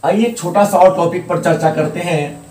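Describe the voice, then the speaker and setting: High-voiced man teaching in an echoey room. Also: darkish tone. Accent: Hindi, eastern. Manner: repeats key terms slowly, asks and answers himself. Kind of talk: classroom grammar lesson. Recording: echoey room, mic at a distance.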